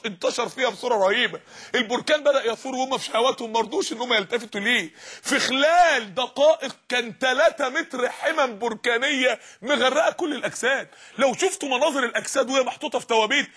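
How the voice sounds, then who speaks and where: A man delivers an impassioned sermon in an Egyptian Arabic accent, pleading rhetorically, with tearful outbursts. His voice sits very high and bright, and it is husky. He talks at a breakneck pace. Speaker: preacher.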